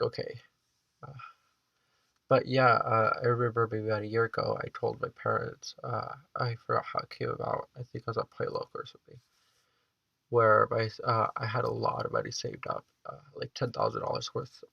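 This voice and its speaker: A man's voice: fairly low pitch, animated, normal speed, creaky, bright, forceful tone, no echo, dull audio. A 21-year-old man chatting casually in a vlog, rambling and hesitant, with the stuffed-up nasal sound of a blocked nose. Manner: hesitant and rambling, heavy use of "like". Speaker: vlogger.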